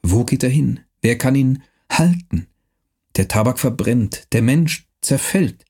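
Guy putting on a wheezy thin-voiced old noble, slow and lofty, husky. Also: mid-range voice, animated, dark tone. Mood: solemn. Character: frail old male nobleman, pipe-smoking, mystical, haughty.

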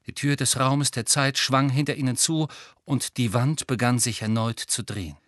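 A man narrates a storybook in a measured, even way. His voice sits at a middle pitch. The recording is dry and close, with no room sound. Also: no echo. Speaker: audiobook narrator. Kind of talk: scripted narration.

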